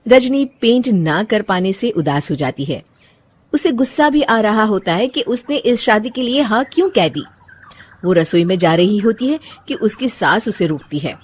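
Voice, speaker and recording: A woman's voice: medium pitch, animated, normal speed, husky. A woman narrating a scripted cartoon story.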